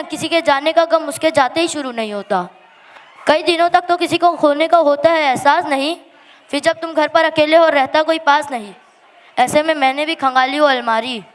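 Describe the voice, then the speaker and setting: A dramatic poetic monologue rings through a school hall in long reverb, delivered by a high female voice at the annual day. The performance is emotional, plaintive and emphatic, full of feeling, with drawn-out refrains.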